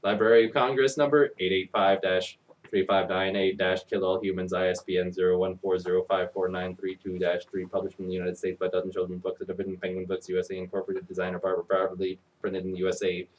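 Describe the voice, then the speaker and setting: Reading a storybook in an over-the-top, mock-dramatic style, this man drops crude, sardonic asides along the way. His voice is low and level and he talks fast, captured from far off the mic with lo-fi sound.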